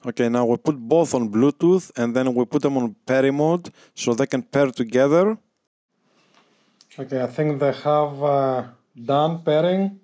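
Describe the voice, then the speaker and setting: A male vlogger gives a casual, hands-on tutorial, walking through each step in a halting, repetitive manner. His voice is mid-range and mellow.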